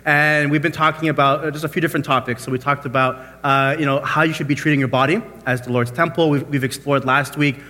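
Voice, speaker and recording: Young male pastor, fairly high bright voice, chatty sermon storytelling, church hall with long reverb. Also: quick pace, hardly any pauses. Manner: animated storytelling, fillers and restarts. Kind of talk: sermon with a joke opening.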